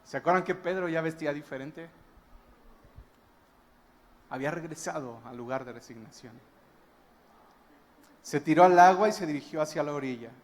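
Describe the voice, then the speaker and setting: A man delivers a sermon, telling the story with emphasis and pausing for awed exclamations. His voice sits a little higher than most men's. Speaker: guest pastor.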